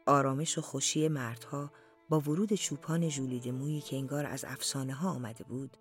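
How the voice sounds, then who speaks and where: An audiobook narrator reading a literary story in a slow, deliberate storytelling manner, at times dropping to near-whispers. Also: mid-range voice, fairly even intonation, faint music behind.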